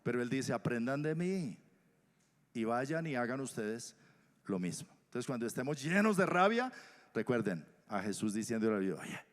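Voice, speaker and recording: Pastor preaching in a reverberant hall. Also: male voice, medium pitch, big pitch swings, normal speed. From Colombia. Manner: shifts from loud emphatic to soft whispers. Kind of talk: sermon. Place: church hall.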